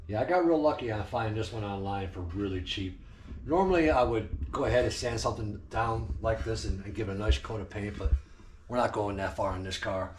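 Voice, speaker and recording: A man doing a casual restoration vlog, chatting to the camera while he wrenches on a car in his home garage, with no clip-on mic. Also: fairly low pitch. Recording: noisy garage with tool clicks.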